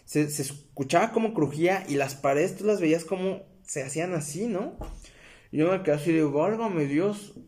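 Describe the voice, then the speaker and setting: A man's voice: on the high side, a little mellow. A young man with a Mexican accent casually telling a personal story to his viewers, rambling with fillers and self-corrections and calling them friends. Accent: Mexican Spanish. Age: young adult. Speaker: vlogger.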